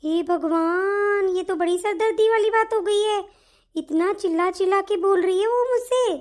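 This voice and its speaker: A woman voicing a bossy, nagging older mother-in-law in an animated family story, with a sharp, commanding delivery. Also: very high-pitched, moderate pace. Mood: grumbling.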